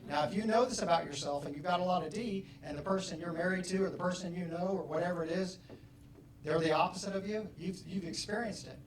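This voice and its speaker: A middle-aged man giving an animated motivational talk to an audience, acting out bits of dialogue with loud bursts. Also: high-pitched, fast talker. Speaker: motivational speaker. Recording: roomy, distant hall mic, faint ambience.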